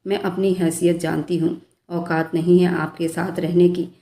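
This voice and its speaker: A woman's voice: fairly low pitch, flat delivery, normal speed, gravelly, dark tone, roomy sound. A woman voicing a hurt, defiant young wife. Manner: pleading, wounded.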